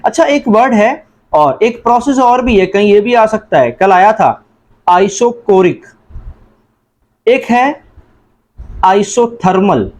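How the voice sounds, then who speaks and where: Male test-prep tutor, Pakistani Urdu accent, high-pitched, question-and-answer drilling style. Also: animated, takes it slowly, pauses often. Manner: addresses listeners as janab. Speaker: teacher. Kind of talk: entry-test lesson.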